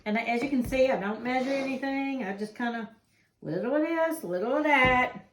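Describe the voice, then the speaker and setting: A woman's voice: high voice, moderate pace. A woman hosting a home cooking show, chatting in a folksy way through each step in a kitchen. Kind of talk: cooking show host presenting a demonstration. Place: indoor kitchen. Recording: echoey room with faint background noise.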